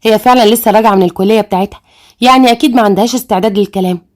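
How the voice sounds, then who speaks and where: A woman voicing a calm, patient middle-aged stepmother in an Egyptian accent, speaking in a soothing, measured way. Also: mid-range voice, close to an everyday voice.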